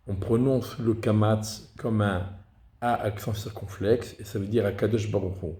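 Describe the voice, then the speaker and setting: Man, lesson, deliberate with restarts, dark warm tone, roomy echo. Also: on the low side, steady tone. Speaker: Torah reading teacher. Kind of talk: explanatory lesson. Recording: echoey room.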